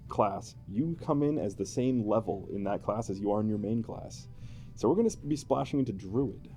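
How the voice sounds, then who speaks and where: In a relaxed explanatory chat with a co-host, a man breaks down a tabletop game character build. His voice sits on the low side and is mellow, and his amused, playful manner has him chuckling a lot.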